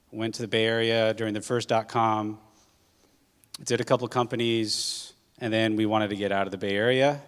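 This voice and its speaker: Addressing students as a guest speaker, a corporate general manager from Hawaii gives a casual, conversational talk full of ums and uhs, mentioning that he is jet-lagged. His voice is smooth and fairly low, with long hall reverb around it.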